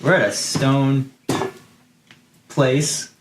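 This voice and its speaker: A man's voice: medium pitch, steady tone, extremely slow. Man player, playful jokey asides, roomy noisy recording. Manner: joking, laughing asides. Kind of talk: casual tabletop game banter. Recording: echoey room with noise.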